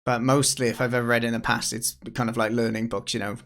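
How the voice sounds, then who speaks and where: Uk guy streaming game dev, tired, talks in stops and starts, chats with his viewers, mid pitch. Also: little pitch movement, creaky, fairly bright tone. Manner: thinking aloud, halting restarts, chatting with viewers. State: tired, yawning. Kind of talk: casual livestream chat.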